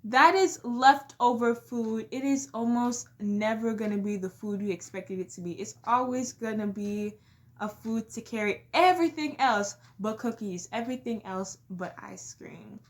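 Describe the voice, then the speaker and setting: A woman's voice: mid-range voice, moderate pace. A young woman vlogging in a casual, comedic way, speaking emphatically and talking straight to her viewers. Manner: emphatic, addresses viewers directly.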